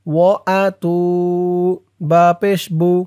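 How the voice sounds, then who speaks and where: High-voiced man teaching slow recitation. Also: little pitch movement, a little mellow, clean tone, no room sound, studio quality. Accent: Bangladeshi Bengali. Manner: slow drawn-out chanting of words, quicker plain explanations; patient, repeats syllables for listeners to copy. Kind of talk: spelling-out recitation lesson.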